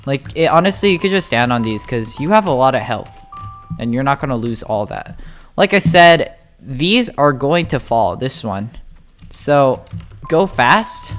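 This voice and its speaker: With music behind the voice, a gamer chats informally straight to viewers while giving a casual video game walkthrough for a tutorial. The delivery is medium-pitched, sing-song, and a little slow.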